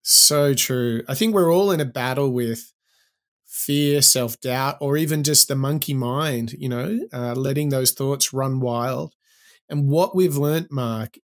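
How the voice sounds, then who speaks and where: Nasal, congested man co-hosting a podcast. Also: mid-range voice. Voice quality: nasal, pinched-nose sound. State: congested, recovering from flu. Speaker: podcast co-host. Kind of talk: podcast conversation.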